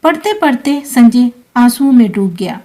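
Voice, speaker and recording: Woman, storyteller, emotional narration, high voice, animated pitch. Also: normal speed.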